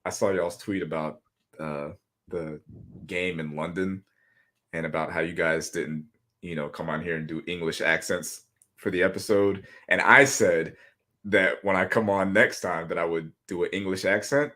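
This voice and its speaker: A man's voice: sits low, moderate pace, bright, forceful tone. A man appearing as a guest on a casual sports podcast, talking in a laid-back, rambling, self-conscious way.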